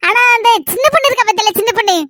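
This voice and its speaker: A woman's voice: very high-pitched, racing, bright, forceful tone, no echo, clean studio sound. Woman playing a gossipy, scheming village sister-in-law. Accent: Kanyakumari Tamil. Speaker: skit actress. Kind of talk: village comedy skit acting.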